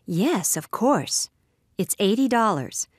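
A woman voicing a helpful ticket seller in a scripted English-learning dialogue, slow and carefully enunciated. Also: mid-range voice, sing-song, husky, no echo, studio quality, exaggerated voice.

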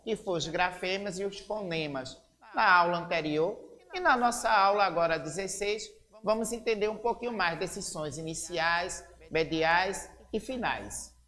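A woman teacher with a Brazilian accent giving a slow, deliberate literacy lesson, spelling out syllables. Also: on the low side, fairly bright tone, big-room sound. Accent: Brazilian Portuguese.

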